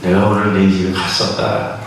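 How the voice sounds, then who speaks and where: A man voicing Jesus in a storytelling sermon, speaking slowly, low and solemnly. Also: level tone, vocal fry, distant mic, a little hiss or hum. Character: gentle adult male Jesus, calm and patient. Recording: echoey church hall from afar.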